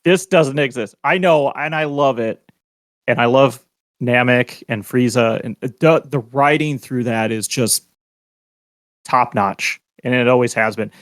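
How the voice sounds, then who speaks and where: A man's voice: mid-range voice, a little slow, a bit bright. A man talks wryly on a fan podcast panel and laughs easily. His voice sounds dry and close, with no room echo. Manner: wry, laughing. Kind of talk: casual chat.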